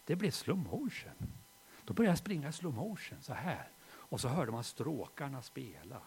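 A middle-aged man preaching a sermon and telling a personal story, moving from hushed reflection to loud, animated storytelling. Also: medium pitch, a little hiss or hum.

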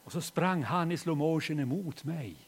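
A middle-aged man preaching a sermon and telling a personal story, moving from hushed reflection to loud, animated storytelling. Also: a little high, slightly rough.

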